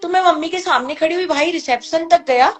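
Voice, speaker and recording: A woman's voice: extremely high pitch, brisk. A woman earnestly recounting a personal family story, acting out the voices of the people she quotes.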